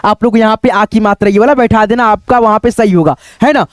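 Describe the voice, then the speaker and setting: Patient high-voiced man dictating Hindi words. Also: no echo. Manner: slow, patient dictation, repeating words syllable by syllable; keeps checking in with "ठीक है" and "दोस्तों". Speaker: Hindi teacher. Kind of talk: online writing lesson.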